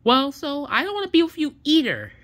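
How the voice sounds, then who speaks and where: A woman's voice: sits high, a little fast. A woman acting out a bickering couple's argument in a comedy skit. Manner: bickering, defensive, animated.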